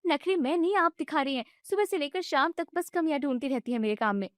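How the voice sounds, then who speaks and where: A woman voicing a young newlywed daughter-in-law who argues back in a high, exasperated voice. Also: fast, no room sound, studio quality, natural voice. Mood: indignant. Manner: high, protesting complaints.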